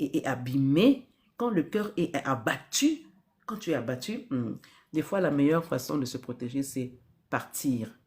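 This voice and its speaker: Her voice sits low with a darkish tone as she earnestly shares spiritual advice in a live stream. Rhetorical questions and repeated key phrases run through what she says.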